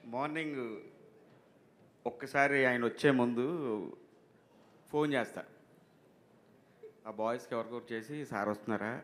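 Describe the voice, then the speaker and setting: Bright-voiced comedian telling a story. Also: male voice, mid-range voice, measured pace, long pauses. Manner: animated storyteller, acts out both sides of conversations. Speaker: comedian guest. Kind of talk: telling a comic anecdote.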